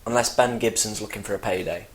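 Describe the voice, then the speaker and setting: A man's voice: on the low side, fast talker. Easygoing man in football chat. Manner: easygoing, laughs along and agrees readily. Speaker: football channel co-host.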